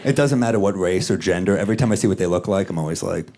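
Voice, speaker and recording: Deadpan male stand-up comedian, live crowd. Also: sits low, racing. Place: comedy stage in front of a live audience. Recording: live show with audience laughter and room noise.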